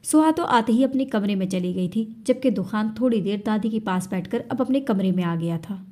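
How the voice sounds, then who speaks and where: Woman narrator with mellow tone. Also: medium pitch, moderate pace. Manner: steady storytelling. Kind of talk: scripted narration.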